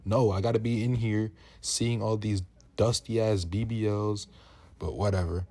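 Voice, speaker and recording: A man's voice: lowish voice, fairly even intonation, a little slow, darkish tone. A young man from New York telling a profane, slangy storytime in a laid-back way. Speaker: vlogger. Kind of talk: casual storytime vlog.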